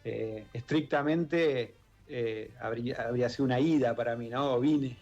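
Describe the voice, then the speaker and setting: In a radio studio, a male guest speaks thoughtfully in Rioplatense Spanish, with many fillers and restarts. Born in Italy and raised in Argentina, he is an author and a member of an exile-children group. His voice is medium-pitched, moderately paced and a little mellow, the audio dull with faint music behind.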